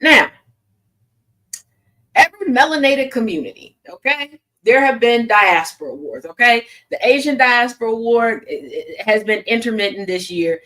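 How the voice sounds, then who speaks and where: A woman's voice: on the high side, animated, normal speed, a bit bright. A woman hosting a casual commentary show in a sassy way, often breaking into laughter. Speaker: host.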